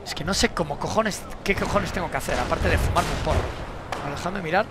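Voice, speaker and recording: A young man, streaming a game with casual commentary, swearing and bursting into shouts. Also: a little high, fast talker, heavy background noise.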